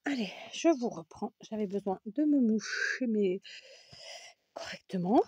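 A woman's voice: medium pitch, expressive, a little slow, darkish tone, breathy edge, dry recording, lo-fi sound. A woman hosting a casual scrapbooking tutorial, chatty and full of fillers, correcting herself as she works at a craft table.

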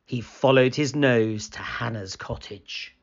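A man reading a children's storybook aloud as a channel host, in a slow, expressive, sing-song bedtime-story manner. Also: medium pitch. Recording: slightly dull lo-fi sound.

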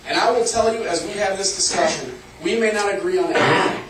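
A man's voice: high-pitched, fast, a bit bright, slight background noise. A man in his thirties from Illinois, giving a campaign speech at a town hall in an earnest, conversational way. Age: 30s. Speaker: congressional candidate. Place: public meeting room. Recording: echoey room, far from the mic, faint ambience.

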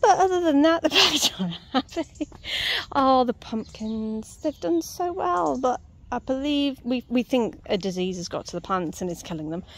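This woman's voice sits high and sounds animated at normal speed as she shows off her allotment garden in a relaxed walk-through chat. Self-mocking and chatty, she laughs easily. The clip is shot outdoors on a handheld phone with her off-screen, against faint outdoor ambience.

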